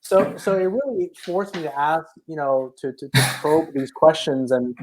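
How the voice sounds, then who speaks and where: A man from China, a native Chinese speaker and filmmaker, shares his life story as a guest on a casual podcast, reflective and hesitant with many restarts. His slightly high voice comes at normal speed over poor audio with a little hiss or hum.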